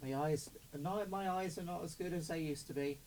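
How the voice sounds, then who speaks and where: A middle-aged hobbyist presenter unboxes a CB radio hands-on, chatting casually and muttering to himself. His voice sits on the high side with a darkish tone, and he speaks at a moderate pace. The recording is low quality, with clear background noise.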